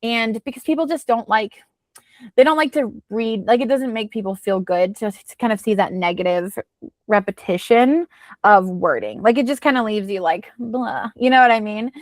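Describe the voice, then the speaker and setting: A woman's voice: on the high side, moderate pace, no room sound. A woman coach giving chatty, casual advice with plenty of fillers. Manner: chatty, advising, many fillers. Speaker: business coach.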